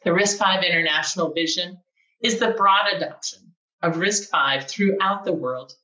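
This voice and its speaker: A woman's voice: lowish voice, pushed and bright. Upbeat woman's keynote in a roomy room. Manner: upbeat, measured, gesturing with her hands. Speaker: chief executive giving a keynote. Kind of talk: scripted keynote address. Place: sunlit living room at home, indoors. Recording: roomy, distant, dull lo-fi sound.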